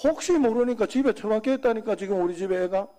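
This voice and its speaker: A man preaching a sermon as senior pastor, talking conversationally and dropping suddenly to soft, quiet asides. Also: high-pitched, quick pace.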